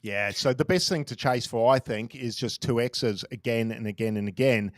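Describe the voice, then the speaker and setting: A man in his forties, a crypto trader, guests on a relaxed podcast, candid and self-deprecating with casual swearing. His middle-pitched voice sounds close and dry, with little room around it and no echo, at a moderate pace.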